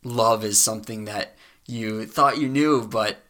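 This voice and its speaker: A young man co-hosting a casual podcast from a studio, talking in a relaxed, halting way with fillers. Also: lowish voice. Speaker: podcast co-host.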